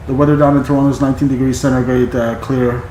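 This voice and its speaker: A man playing an airline captain on a cockpit headset, reading back clearances and making calm, procedural cabin announcements. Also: mid-range voice, fast, roomy sound, a little hiss or hum, low-quality recording. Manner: calm, procedural pilot phrasing. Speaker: flight sim streamer playing airline captain. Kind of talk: role-play radio calls and cabin announcements.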